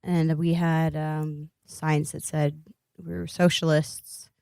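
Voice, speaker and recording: Woman from indiana, lowish voice, talking candid and profane on a podcast, dry close mic. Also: level tone, slow, creaky, darkish tone, smooth, no room sound. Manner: candid, profane storytelling with laughs. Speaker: podcast guest. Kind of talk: casual podcast chat.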